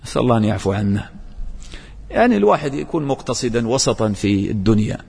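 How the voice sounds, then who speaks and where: A man teaching Quran commentary and grammar, reciting verses slowly and quizzing his students with questions. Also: mid-range voice, big pitch swings, gravelly, a little mellow, breathy edge, long reverb tail. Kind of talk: tafsir and grammar lesson.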